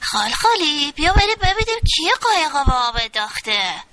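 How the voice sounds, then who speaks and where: A woman voicing a playful, eager little boy bunny in a storybook reading, with a lively childlike manner. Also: high voice, slight background noise, heavily acted. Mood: excited. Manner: animated, childlike, lively rises.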